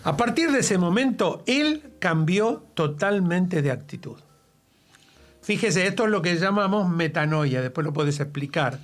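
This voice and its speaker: A man's voice: high-pitched, lively intonation, unhurried. A man leading a church Bible study conversation, speaking emphatically and quoting scripture at length.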